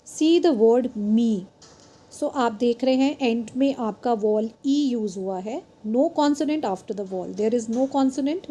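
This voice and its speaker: Very slow, mellow-voiced woman teaching phonics. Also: a little high. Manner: mixes Hindi and English, spells out letters and stretches example words slowly. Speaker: English teacher. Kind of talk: phonics lesson for beginners.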